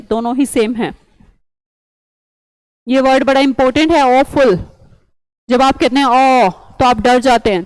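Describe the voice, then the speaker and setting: A woman's voice: high voice, darkish tone, dry recording, rough recording. A woman teaching an online vocabulary lesson, chatty and coaxing, quizzing students with memory tricks.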